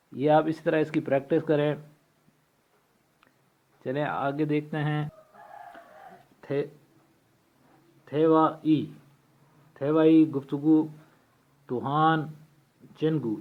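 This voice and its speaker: A man teaching a language lesson from a textbook, reading vocabulary slowly and repeating each word for practice. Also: fairly high pitch. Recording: tinny phone-like recording.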